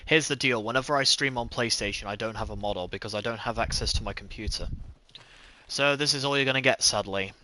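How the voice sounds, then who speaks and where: A young man live streaming a video game with casual chat, speaking deliberately quietly but clearly into a headset mic. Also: on the low side. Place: thin-walled room at home. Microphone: gaming headset. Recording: headset mic with faint noise.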